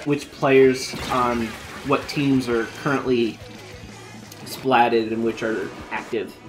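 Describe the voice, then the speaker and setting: A man live-streams a video game, chatting casually and thinking aloud to viewers as he plays, his voice turning hoarse from the long session as he loses it. His mid-range voice is slow with little pitch movement, heard over background music in a low-quality recording.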